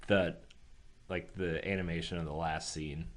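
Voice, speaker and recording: With a low voice at normal speed and a level tone, a male podcast co-host chats loosely about entertainment news from film and gaming. He's slangy and full of opinions, often throwing in "dude."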